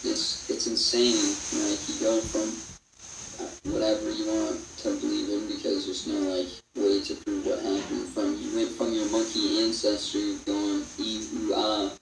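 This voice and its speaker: A man's voice: lowish voice, little pitch movement, moderate pace, vocal fry, over music. A young man in casual podcast chat among friends, rambling and swearing now and then, his voice muffled and far off as if through a wall. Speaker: podcast co-host. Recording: roomy echo, distant mic, faint hiss.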